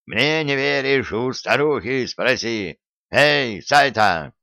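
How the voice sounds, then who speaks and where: A man voicing a stubborn old villager who shouts indignantly, in an audiobook reading. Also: medium pitch, animated, takes it slowly, dry recording, clean studio sound, pitched above the performer's own voice.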